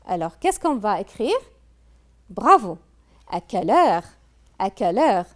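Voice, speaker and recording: A woman leads a French grammar lesson at an unhurried, drawn-out pace. Her pitch rises and falls widely as she asks the class questions. She praises their answers as she goes. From Kuwait. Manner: slow, drawn-out teacher talk with lively pitch, prompting students. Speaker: French teacher.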